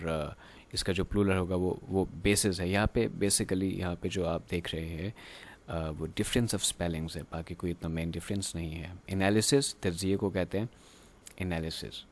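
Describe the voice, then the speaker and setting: A man teaching a grammar lecture. He explains slowly and haltingly, with drawn-out pauses, and reads textbook lines aloud in English. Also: sits low, steady tone.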